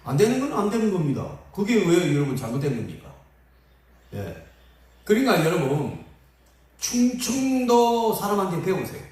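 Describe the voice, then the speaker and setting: A man's voice: high-pitched, moderate pace, pauses often. A man preaching a sermon to his congregation, telling funny stories and acting out the people in them. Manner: lively, humorous storytelling with acted-out quotes. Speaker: pastor. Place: church sanctuary. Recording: echoey hall from far off.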